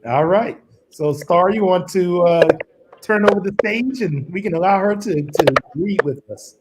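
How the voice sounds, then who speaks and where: A man performs a slightly high-voiced co-host welcoming a child reader. His voice comes through a crackly, staticky call line with hiss and clicks. He talks casually and encouragingly. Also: measured pace. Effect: crackly, staticky phone-like line. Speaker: co-host of a virtual reading event. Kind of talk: casual online event hosting.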